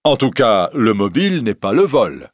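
A man's voice: lowish voice, big pitch swings, normal speed, no room sound, clean studio sound. A man doing a curt, probing police chief. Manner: curt, questioning. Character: brisk middle-aged male police chief, dry and probing. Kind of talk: audiobook character reading.

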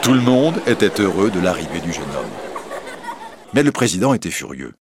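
A man narrating a novel chapter aloud in a measured storytelling manner. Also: deep voice, big pitch swings, some chatter behind, slight background noise. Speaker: audiobook narrator. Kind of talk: scripted narration.

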